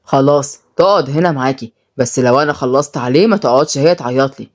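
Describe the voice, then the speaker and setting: A woman voicing a gruff, threatening young male neighborhood boss with an Egyptian accent. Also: rumbling low, quick pace, a little mellow, voice pushed down. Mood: stern. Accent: Egyptian Arabic. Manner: threatening, curt, commanding.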